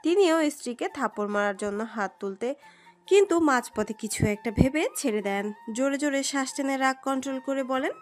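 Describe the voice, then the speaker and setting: Woman, storyteller, scripted romance narration, expressive, high voice, soft music. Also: brisk. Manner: expressive, dramatic reading. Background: soft background music.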